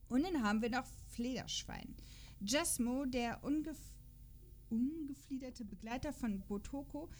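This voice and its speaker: On a laid-back podcast, a woman reads character profiles and chats, exclaiming in a playful, gushing way. She sounds animated, with a high-sitting voice and darkish tone, speaking at a measured pace over a little hiss or hum.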